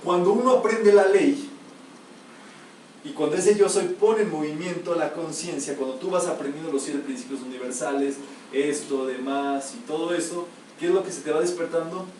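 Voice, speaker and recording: A metaphysics teacher's high-leaning, darkish voice moves at a normal speed as he gives an emphatic spiritual lecture, quizzing his live audience with rhetorical questions. The room echoes, the mic is far off, and a faint hiss lingers.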